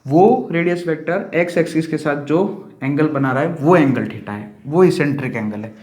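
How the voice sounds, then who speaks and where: A man's voice: fairly high pitch, moderate pace, a little mellow. Patient man teaching maths, echoey room. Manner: patient, repeats key terms, self-corrects. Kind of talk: lecture explaining on a board.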